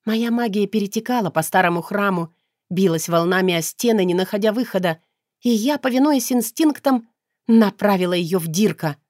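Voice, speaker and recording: A woman narrating a first-person fantasy audiobook in a steady, expressive storytelling voice. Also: medium pitch, normal speed, no room sound, clean studio sound.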